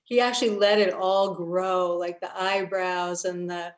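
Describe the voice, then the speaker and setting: A woman producer recounting a film shoot in a relaxed festival question-and-answer session, with light laughs. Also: lowish voice, measured pace. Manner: storytelling, casual, light laughs. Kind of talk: festival Q&A conversation.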